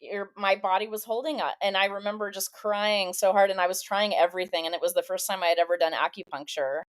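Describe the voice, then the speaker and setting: A woman from Southern California, a podcast guest, telling her personal story in a thoughtful, candid way with halting pauses and many fillers. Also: mid-range voice, steady tone.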